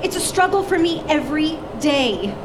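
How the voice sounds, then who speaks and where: A woman's voice: high-pitched, animated, normal speed, heavy background noise. A woman playing an aggrieved, melodramatic, struggling subway busker in a live comic radio play. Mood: self-pitying.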